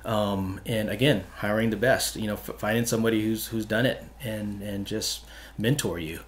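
A middle-aged photographer from Hawaii answers interview questions earnestly as a guest, restarting his sentences often and talking with his hands. His lowish voice keeps a fairly even intonation at a moderate pace. He sits at a desk mic on a stand in a small studio room, and a little hiss or hum can be heard.

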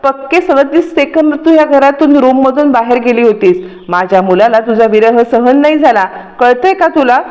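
A woman's voice: sits high, normal speed, few pauses, darkish tone, lo-fi sound, pitched above the performer's own voice, close to an everyday voice. A woman voicing a doting middle-aged mother who gives mock-stern warnings in a soap recap. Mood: teasing stern.

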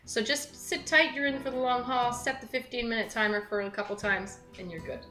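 Working at the counter of a big kitchen, this upbeat web cooking host chats casually as her hands stay busy. She talks a little fast in a high-leaning, bright, pushed voice with fairly even intonation, and the kitchen echoes under soft music.

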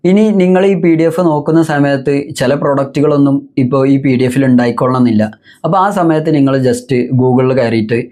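A man's voice: mid-range voice, warm tone. A man working as a business consultant gives a step-by-step tutorial and keeps asking himself rhetorical questions as he explains.

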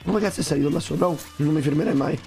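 A man who has lost his voice, croaking through casual gameplay commentary, joking and swearing with his viewers. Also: fairly high pitch, racing, dark tone. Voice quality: croaky duck-like voice. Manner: swears a lot, jokey, talks to viewers. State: lost voice, hoarse. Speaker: gaming streamer. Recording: game music behind.

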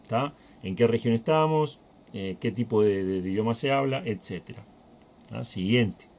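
A Uruguayan man hosts a tech channel, thinking aloud as he walks through a screen recording. His voice sits on the low side, and he hesitates and restarts often. The mic sounds dull and lo-fi, with a faint hiss behind him. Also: moderate pace, a little mellow. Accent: Uruguayan Spanish. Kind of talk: casual screen-recording walkthrough.

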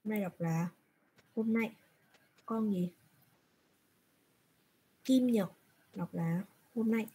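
A woman with a warm, husky, medium-pitched voice teaches Japanese online, speaking extremely slowly and leaving long pauses. She patiently asks questions and supplies the answers herself, heard through a browser screen recording.

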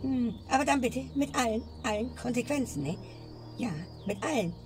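A woman grumbles through a comedy sketch rant, closing her lines with a questioning "ne?". Her voice sits a little high with a darkish tone, and she talks at a normal speed. Music plays underneath her.

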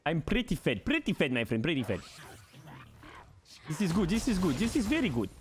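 Hyped gamer guy narrating his match, high voice that swings all over, cursing and playing fake-serious. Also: normal speed, noisy background. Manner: excitable, swears, mock-formal asides, drops into English. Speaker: streamer. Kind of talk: live gameplay commentary.

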